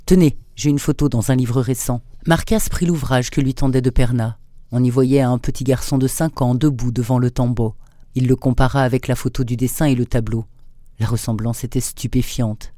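A man presenting and reading a thriller excerpt aloud in a measured, steady narration. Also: medium pitch, no echo, clean studio sound. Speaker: radio book reader and presenter.

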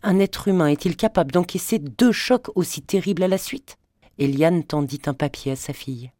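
Warm, dry-voiced male storyteller. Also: a little high, no echo. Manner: measured, even storytelling. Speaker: audiobook narrator. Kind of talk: scripted narration.

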